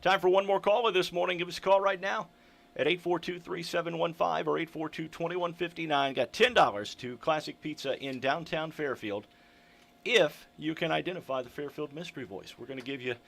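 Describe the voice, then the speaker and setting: A man's voice: on the high side, fairly quick, gravelly, fairly bright tone. A man hosting a live local radio call-in contest, chatting casually in a folksy, rambling way with dry humor. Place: radio studio.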